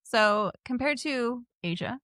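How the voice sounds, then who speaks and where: A woman's voice: fairly high pitch, lively intonation, slow, fairly bright tone, no room sound. Woman, casual podcast co-host, talkative, dry mic. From United States. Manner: chatty, laughs often, mimics voices. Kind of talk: casual chat.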